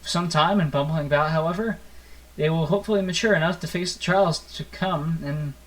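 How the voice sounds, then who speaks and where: Fairly quick and a little high-pitched, a man's slightly bright voice narrates a visual novel in gaming-host style, playful and theatrical with offhand comments. It sounds like an expressive storybook reading mixed with casual chatter. The poor recording has plucked guitar game music behind him.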